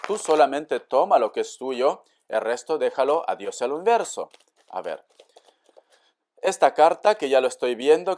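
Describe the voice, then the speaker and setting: A man giving a tarot reading to camera in a warm, coaxing way, often calling the listener dear and acting out their doubts. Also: medium pitch. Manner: acts out the listener's doubts in quotes. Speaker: tarot reader.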